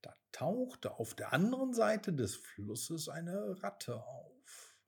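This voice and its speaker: A man reading a children's bedtime story slowly and expressively. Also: high-pitched, sing-song, vocal fry, breathy edge.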